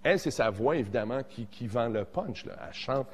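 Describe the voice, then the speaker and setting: A man in his forties with a Québécois accent, teaching a casual songwriting workshop, joking and animated, tossing in English words. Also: medium pitch, a little fast, big-room sound. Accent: Québécois French. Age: 40s.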